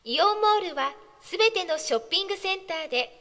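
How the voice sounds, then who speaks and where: A woman's very high, bright voice makes polite, carefully measured announcements to shoppers. Her formal, honorific delivery carries over a public address system, trailing a long reverb through a large hall. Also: animated.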